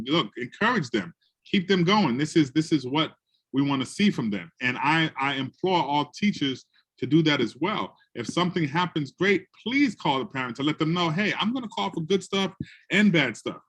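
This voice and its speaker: A man from the Bronx, an educator telling classroom stories in a conversation and acting out the people he quotes. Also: a little high. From the Bronx, New York. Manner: animated, acts out quotes in other voices. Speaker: educator and guest speaker. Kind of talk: storytelling in a conversation.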